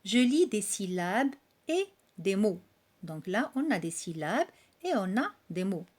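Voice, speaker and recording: A woman's voice: medium pitch, big pitch swings, darkish tone. A woman teacher giving a reading lesson for young children, sounding out syllables one by one and checking in with the class. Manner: slow and deliberate, spelling out syllables and checking with "d'accord?".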